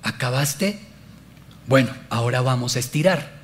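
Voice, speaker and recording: A man voicing God as a calm, gentle male voice speaking softly in a sermon story. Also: measured pace, a little hiss or hum, close to an everyday voice. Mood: coaxing. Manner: soft, low, coaxing.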